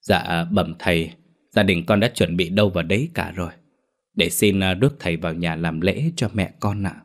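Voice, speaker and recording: A man's voice: low-pitched, moderate pace. A man voicing an anxious, fawning middle-aged son who bows and scrapes before a shaman. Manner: obsequious, then snapping. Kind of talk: storybook character voice.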